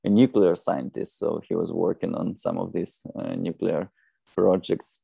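A man in his thirties from Belarus with a Belarusian accent, a non-native English speaker chatting as a podcast guest in a halting, rambling way. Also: low-pitched, fairly even intonation, creaky, dark tone, husky, dry recording. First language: not English. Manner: halting, rambling, often saying "you know". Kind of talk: casual conversational interview.

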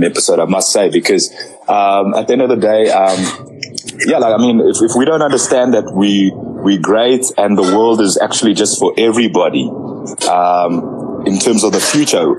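A young man from Zambia hosting a casual interview, talking in halting bursts with many restarts and fillers. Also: on the low side, a little mellow, slight background noise, low-quality recording. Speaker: interviewer and music producer.

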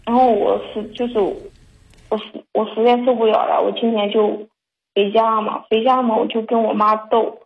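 Anxious young woman halting on a muffled line. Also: a little high, flat delivery, gravelly. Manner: halting, anxious, many restarts. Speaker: caller. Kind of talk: call-in confession.

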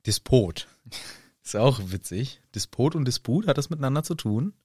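A man's voice: mid-range voice, lively intonation, moderate pace, a little mellow, breathy edge, no echo, clean studio sound. A man co-hosting a casual podcast, retelling a book with jokes, laughter and silly put-on voices. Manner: joking, laughs often, puts on silly voices. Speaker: podcast co-host.

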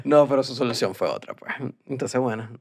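A Venezuelan man co-hosting a podcast, recounting a crime case in a halting, casual way. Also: mid-range voice, gravelly, crowd noise. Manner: halting, many fillers and restarts while retelling. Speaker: podcast co-host.

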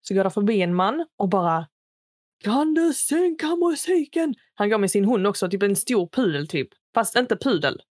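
A woman's voice: mid-range voice, few pauses, dry recording, clean studio sound. A young woman, a podcast co-host animatedly retelling a story, acting out quotes in a raised voice and slipping into English phrases. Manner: mixes English phrases into speech. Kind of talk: casual chat, storytelling.

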